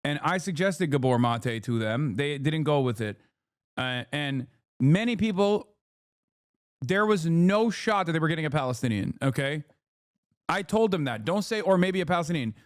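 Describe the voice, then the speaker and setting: A man in his thirties with a somewhat high voice talks in a heated, cursing streamer rant, firing off incredulous questions. The sound is dry and close, with no room around it. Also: no room sound. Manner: fast, profane, incredulous rants. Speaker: streamer reacting to a video. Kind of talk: casual heated commentary.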